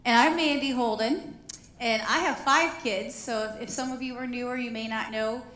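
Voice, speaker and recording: A woman's voice: fairly high pitch, steady tone, normal speed. Emotional woman hosting a church panel. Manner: warm emotional, chokes up with laughter. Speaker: panel host. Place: church sanctuary. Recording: echoey church hall.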